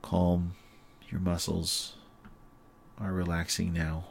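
A man guiding a listener through sleep hypnosis, speaking in a slow, soothing, repetitive way. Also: deep voice, completely flat delivery, creaky, a little hiss or hum.

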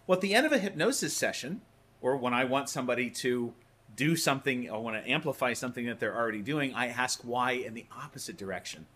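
A man's voice: mid-range voice, lively intonation, quick pace, fairly bright tone, a little hiss or hum. Emphatic male hypnosis teacher. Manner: conversational, emphatic, repeats words. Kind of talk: course lecture.

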